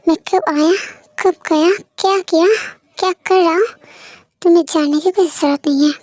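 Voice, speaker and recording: A woman's voice: very high voice, steady tone, normal speed, darkish tone, no echo. A woman voicing an angry young husband who speaks curtly and coldly. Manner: curt, cold.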